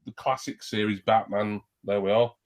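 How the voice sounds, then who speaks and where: A man with a fairly low voice chatting casually on a livestream call. He meanders from one thought to the next and works things out aloud as he goes. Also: fairly even intonation, moderate pace.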